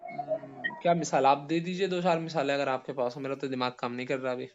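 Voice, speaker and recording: A male grammar teacher giving a classroom lesson, spelling out letters slowly and putting questions to his students. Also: medium pitch, very animated, highs cut off, noisy background.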